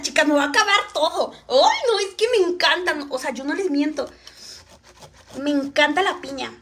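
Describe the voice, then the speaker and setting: A woman's voice: sits high, a bit bright, a little hiss or hum. A woman with a Mexican accent chatting to viewers while eating on a live stream.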